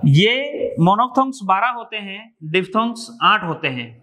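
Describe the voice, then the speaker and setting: Male teacher from India, high voice, methodical and repetitive. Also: very animated, slow, pushed and bright. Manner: explains step by step, repeats key terms. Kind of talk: exam revision lecture.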